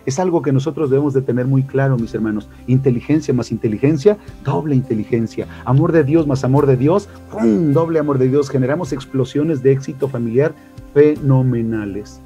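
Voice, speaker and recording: Animated Mexican man preaching on marriage. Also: medium pitch, a little fast, faint music behind. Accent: Mexican Spanish. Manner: animated, addresses listeners as brothers, acts out quotes. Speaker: marriage workshop speaker. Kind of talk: preaching-style talk to a church audience.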